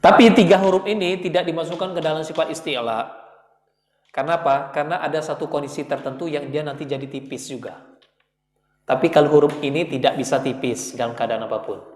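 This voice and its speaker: A man's voice: a little high, fairly even intonation, fast talker, darkish tone. A man teaching Quran recitation, patiently repeating letter sounds for his students. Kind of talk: classroom lesson. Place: prayer room. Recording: echoey room with long reverb.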